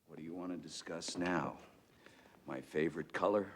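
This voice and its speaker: An actor playing a hardened, contemptuous military commander in a film drama, clipped and interrogating. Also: male voice, a bass voice, normal speed, a little hiss or hum. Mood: cold.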